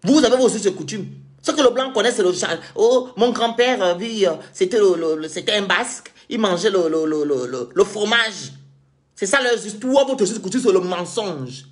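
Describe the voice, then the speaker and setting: A man's voice: high voice, lively intonation, normal speed. A man from Cameroon, delivering an indignant, sarcastic monologue rant as a vlogger.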